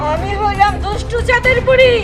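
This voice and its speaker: A woman's voice: extremely high pitch, brisk, over loud music, over a noisy crowd. A woman playing a wicked, menacing old moon witch in a fairy-tale drama, threatening and gloating with a rural Bangladeshi accent.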